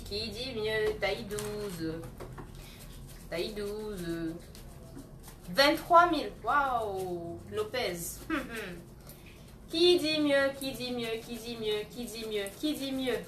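A woman's voice: fairly high pitch, slow. A woman running a live online auction of hair extensions, teasing bidders by name and repeating the prices. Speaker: live-stream hair seller. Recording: roomy echo, distant phone mic, faint noise.

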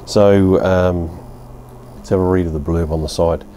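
A man in his fifties with a New Zealand accent reviews a beer at his outdoor home bar, laid-back and blunt, rambling with fillers and a bit of swearing. His voice sits low and steady, with a measured pace and mellow quality, plus a faint hiss or hum.

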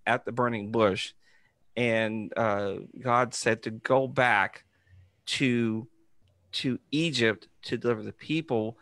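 A middle-aged educator co-hosting a podcast tells an encouraging story, speaking earnestly and conversationally with animated hand gestures. His medium-pitched voice is recorded dry on a small studio mic on a boom arm, and he wears headphones.

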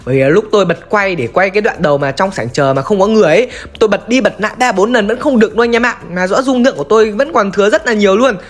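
A man's voice: sits high, very fast, few pauses. A man narrating his own game-based horror story, chatty and talking straight to his viewers. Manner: chatty, addresses viewers as brothers. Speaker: gaming YouTuber.

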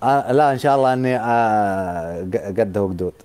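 A man's voice: on the low side, brisk, a little mellow, clean tone. A man, a live streamer taunting his rival and urging his viewers on in a boisterous stream battle.

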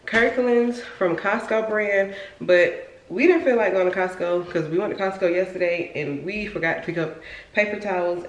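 In her twenties and from Florida, this woman has a lowish voice and rambles chattily through a home vlog in her kitchen, repeating herself. The room is echoey with a noisy background, and she talks to a handheld camera before setting it on the counter.

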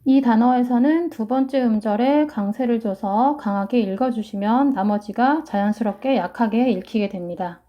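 A woman's voice: a little high, moderate pace, few pauses. A woman teaching English pronunciation, explaining each sound patiently and step by step. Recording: muffled lo-fi sound.

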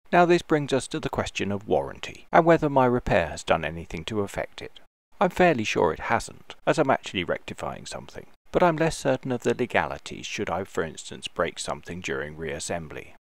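A man with a very low, gravelly voice talks through a hands-on repair in a measured, careful tone. His delivery rises and falls with lively intonation, and the recording is close and dry with no room sound. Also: dry recording. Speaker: DIY repair video host. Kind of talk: calm step-by-step voice-over tutorial.

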